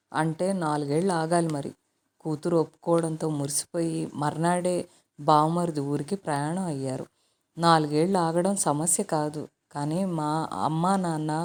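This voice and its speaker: A woman narrates a family story aloud. Her voice is low and mellow. She reads calmly with gentle expression.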